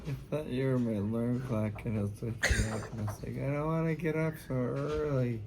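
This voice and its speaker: A man's voice: medium pitch, steady tone, brisk, heavy background noise. A man waking up groggy from anesthesia, mumbling in a drowsy, slurred way.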